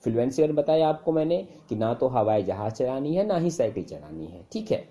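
A man teaching English speaking tips in a casual spoken lesson, full of fillers and repeated phrases. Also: brisk. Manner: conversational, many fillers and repeated phrases, lively pitch jumps.

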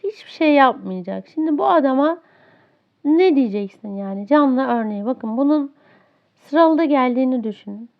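Here the same streamer sounds animated, her voice sitting high at a moderate pace. Commentating her online match live, she vents her frustration at a teammate who won't play, captured in dull lo-fi audio.

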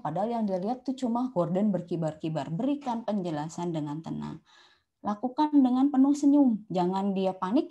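Mellow-voiced woman giving a seminar talk. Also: medium pitch. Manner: lively, explanatory, acts out quoted speech, mixes in English terms. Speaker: doctor presenting at an online seminar. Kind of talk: online seminar talk on caregiving.

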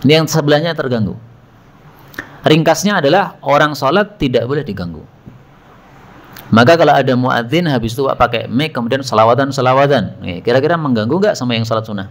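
A man's voice: mid-range voice, a little fast. A man giving a religious study lecture, telling stories with animation, acting out quoted voices and questioning his listeners. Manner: animated storytelling, acts out quoted voices, asks the audience questions. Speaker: Islamic preacher.

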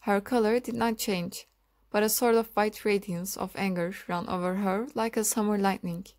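Woman reading an old novel aloud, calm and measured, mid pitch. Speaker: audiobook reader. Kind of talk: audiobook narration.

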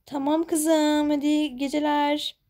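A woman playing a loud, fussy mother. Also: high voice, little pitch movement, unhurried. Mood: soothing. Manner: calls out loudly, fussing. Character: middle-aged mother, worried and bossy.

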